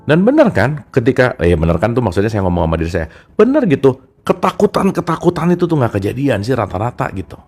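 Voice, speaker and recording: A man's voice: medium pitch, sing-song, quick pace, a little mellow. A man giving a casual, chatty talk about a self-help book and speaking straight to his listeners as friends. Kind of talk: casual spoken book discussion.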